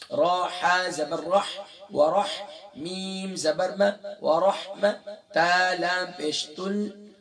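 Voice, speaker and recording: Gravelly man reciting a slow religious lesson. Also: a little high, distant mic. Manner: slow drawn-out recitation spelling out syllables; quick quiet explaining between recitations. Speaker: religious teacher.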